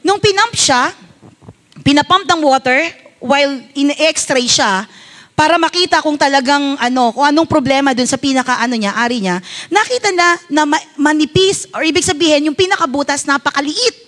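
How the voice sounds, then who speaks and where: A woman's voice: high voice, normal speed, a bit bright. A woman pastor with a Filipino accent preaching a sermon, telling a story as a mother and often asking her congregation for agreement. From Philippines. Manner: tells a personal story as a mother.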